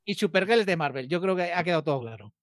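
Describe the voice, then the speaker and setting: Fast-talking bantering man. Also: a little high, expressive, no room sound, clean studio sound. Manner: joking, quick banter. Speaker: co-host. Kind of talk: casual reaction chat.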